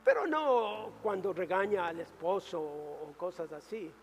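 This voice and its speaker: A male pastor delivering a sermon, swinging between loud dramatic rises and hushed, quiet drops. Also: high-pitched, measured pace, slight background noise. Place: church hall. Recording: reverberant church hall with music.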